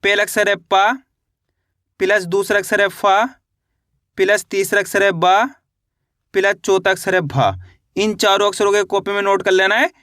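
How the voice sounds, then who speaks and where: A man teaching reading in a video lesson, drilling each sound with repeated questions and slow model words. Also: sits high, little pitch movement, sharp tone, dry recording, clean studio sound. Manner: repetitive call-and-response drilling, drawn-out model words. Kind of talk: classroom-style video lesson.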